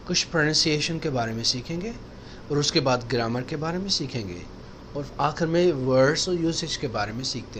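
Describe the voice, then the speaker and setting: Man, english lesson, lively voice, slow drilled repeats, faint hum behind. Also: a little high. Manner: drills sounds with slow, drawn-out repetitions. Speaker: English teacher. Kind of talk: recorded language lesson.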